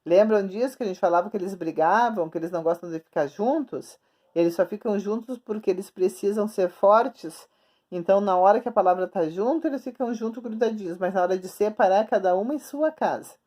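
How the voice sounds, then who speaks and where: While writing on the board in front of her screen, a teacher gives young children a remote grammar lesson. Her medium-pitched voice is warm, and she is patient, repeating herself often and sounding words out slowly one syllable at a time.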